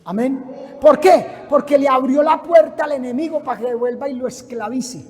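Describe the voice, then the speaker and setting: A male preacher, giving an impassioned sermon and often shouting. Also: very high-pitched, moderate pace, long reverb tail.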